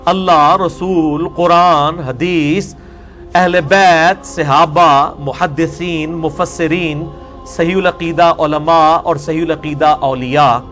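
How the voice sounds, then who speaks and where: High-voiced man giving a combative religious lecture. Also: fairly even intonation, fairly bright tone, faint music behind. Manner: explaining verse by verse, combative. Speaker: religious scholar.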